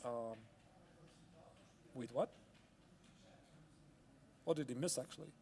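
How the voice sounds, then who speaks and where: A man's voice: mid-range voice, slow, warm tone, slight background noise. A man hosting live chess commentary, analysing casually and exclaiming expressively as he follows the moves.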